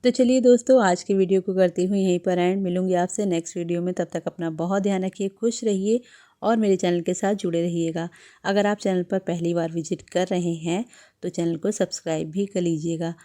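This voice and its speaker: Mellow-voiced woman narrating a home vlog. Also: on the low side, steady tone, brisk. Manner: gentle, chatty, advising tone. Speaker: homemaking vlogger.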